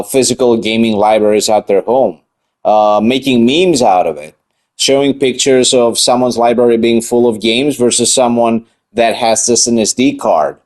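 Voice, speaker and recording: A man's voice: medium pitch, darkish tone. A man in his thirties hosting his own channel, chatting casually and rambling with restarts. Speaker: channel host. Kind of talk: casual vlog chat.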